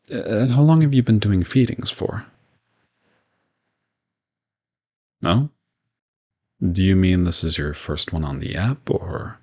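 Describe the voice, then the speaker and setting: In a roleplay audio drama, a man voices a modern vampire with a low, gravelly tone and a heavily acted performance. Sounding curious, he stays polite and reassuring, explaining things in a gentle, conversational, matter-of-fact way.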